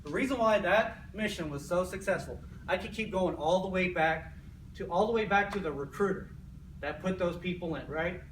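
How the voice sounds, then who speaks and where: An American army sergeant with a high-sitting voice delivers a motivational pre-game speech at a moderate pace, emphatic and repetitive, often checking in with "right?". The recording is echoey and noisy, captured by a distant mic in the room.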